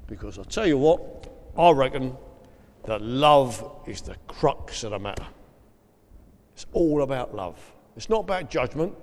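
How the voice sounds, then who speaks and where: A man's voice: mid-range voice, a little mellow. A man with a South East London accent preaching a chatty, emphatic sermon and often repeating his phrases. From England. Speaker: pastor. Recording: long reverb of a hall.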